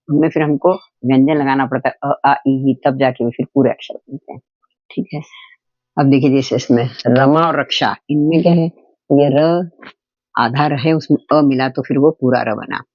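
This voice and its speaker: Male teacher, patient and repetitive, with a gravelly, slightly high voice, recorded in a dry, muffled setup. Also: no echo. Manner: patient, explains slowly with repetition and examples. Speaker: Hindi teacher. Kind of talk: step-by-step grammar lesson for children.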